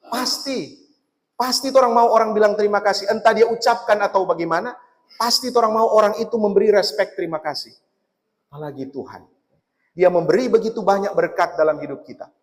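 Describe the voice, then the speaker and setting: A male pastor with a Manado Malay accent delivers a lively sermon and keeps asking his listeners questions. His voice sits fairly high. It rings out in a worship hall with a long reverb. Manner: lively preaching, asks the congregation questions.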